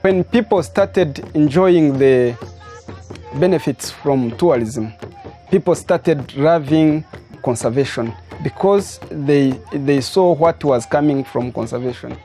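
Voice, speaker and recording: Man, mellow and slow, thoughtful interview talk. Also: fairly high pitch, faint music behind. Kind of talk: documentary interview.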